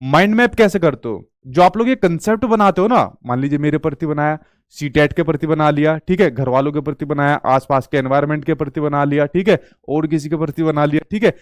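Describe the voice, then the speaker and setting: A man's voice: fairly high pitch, brisk, no room sound, studio quality. A male teacher giving an exam-prep lecture, asking and answering his own questions as he explains.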